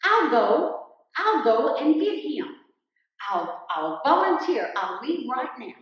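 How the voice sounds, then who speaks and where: A woman's voice: on the high side, lively intonation. A woman voicing a sly, boastful male rabbit trickster in a told folktale, eager and pushy. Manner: eager, fast-talking and pushy. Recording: roomy echo, distant mic.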